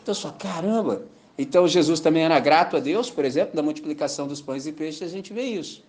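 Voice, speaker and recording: A man's voice: fairly high pitch, quick pace, a little mellow. A man preaching an informal, joking sermon, often checking that his listeners follow. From Brazil. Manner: colloquial, jokey, keeps asking "entendeu?". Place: mission gathering.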